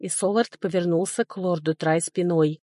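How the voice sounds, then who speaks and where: A woman narrating a novel in an expressive, dramatic way. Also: on the low side, normal speed, dry recording, clean studio sound. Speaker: audiobook narrator.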